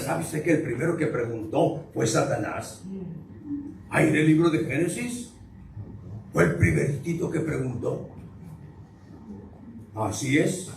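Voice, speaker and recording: A preacher delivers a sermon in a high, bright voice, teasing the congregation and throwing questions at them. He sounds a bit far from the mic, his voice bouncing around a reverberant church with faint noise underneath. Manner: joking, questions the congregation directly. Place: church sanctuary. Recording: echoey room, distant mic, faint noise.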